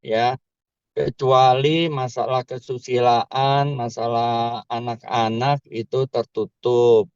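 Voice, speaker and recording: A man's voice: mid-range voice, level tone, takes it slowly, darkish tone, smooth, no echo, highs cut off. A man, a criminal law expert, answering interview questions in an emphatic, explanatory way. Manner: emphatic, explanatory, repeats "kan" and "tuh".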